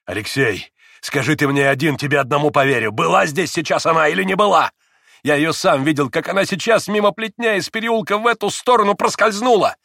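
A man voicing a violent, furious young man who shouts and vows vengeance, in an audiobook. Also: medium pitch, expressive, moderate pace, no echo, clean studio sound. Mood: furious vehement. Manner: vehement, passionate shouting.

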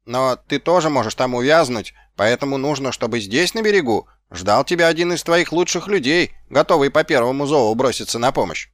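A man voicing a scruffy, sly, cowardly little male guardsman who talks in quick, wheedling questions, in an audiobook. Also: on the high side, very animated, fairly bright tone, dry recording.

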